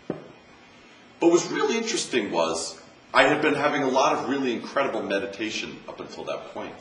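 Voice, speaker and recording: An American man, a Zen monk, speaks conversationally at a campus talk. He leans on repeated phrases and swings his pitch. The mic sits far off in an echoey room with a faint hiss. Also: a bit bright. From United States. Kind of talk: informal dharma talk.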